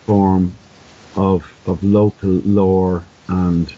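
A man's voice: sits low, level tone, drawn-out words, mellow, lo-fi sound. An Irish man with a storyteller's discursive, thoughtful manner, explaining things conversationally and through anecdote. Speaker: traditional storyteller being interviewed.

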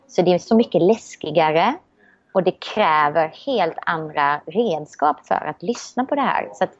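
Reflective woman, slightly low voice. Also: a little mellow, no echo, lo-fi sound. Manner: reflective and optimistic, many restarts. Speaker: guest. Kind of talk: casual conversation.

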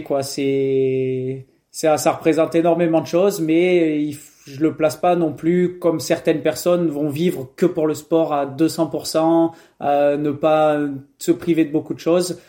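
Slightly high yet dark in tone, this young man from France is a professional triathlete taking questions as a guest. His answers come out casual and halting, with plenty of fillers and false starts.

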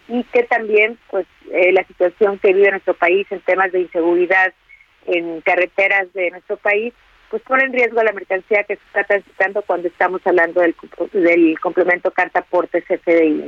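A woman, a tax expert answering interview questions in a measured, technical way with many fillers. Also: medium pitch, no echo, dull audio. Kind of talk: explanatory radio interview answers.

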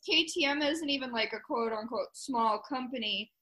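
A woman's voice: on the high side, normal speed, sharp tone. A woman joining a casual podcast conversation, talking in a chatty way with many fillers.

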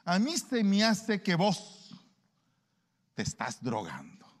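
A man's voice: sits high, huge pitch swings, takes it slowly, full character voice. A man voicing a suspicious mother who questions her teenage son. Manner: accusing, suspicious. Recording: long hall reverb.

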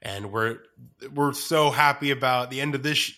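Brief: male podcast guest, improv performer, bright sharp voice, hesitant and giggly. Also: medium pitch, normal speed. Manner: rambling, laughing, hesitant with many uhs. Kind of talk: casual chat.

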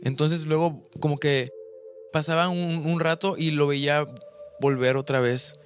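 A man's voice: fairly high pitch, fairly even intonation, measured pace, faint music behind. A young man co-hosting a podcast, chatting casually with many restarts and fillers. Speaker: podcast co-host. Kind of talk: casual chat.

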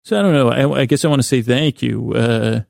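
A podcast host gently delivers a soothing bedtime monologue to listeners in a deeply creaky, gravelly voice with a mellow, soft-edged tone. His flat, lulling intonation wanders as he halts, circles back and interrupts himself, and the sound is close and dry with no room sound.

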